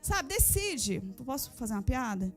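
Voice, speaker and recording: High-voiced woman pastor preaching emphatically. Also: very animated, moderate pace, faint music behind. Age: adult with a daughter. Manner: emphatic preaching with repeated phrases and rhetorical questions; addresses the women of the congregation directly. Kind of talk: sermon. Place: church service.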